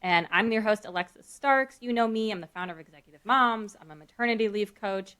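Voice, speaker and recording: Woman from the US, podcast host, upbeat, enthusiastic, mid-pitched voice. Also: fairly quick, bright, forceful tone, smooth. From United States. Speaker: podcast host, maternity leave coach. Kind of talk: podcast interview.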